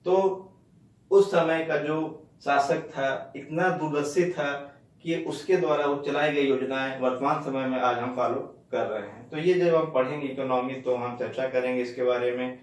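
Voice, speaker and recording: Male teacher, mid-pitched voice, lecturing in a reverberant room with a distant mic, repeats key points as questions. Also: fairly even intonation, normal speed. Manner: repeats key words, asks and answers own questions. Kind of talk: exam-prep lecture.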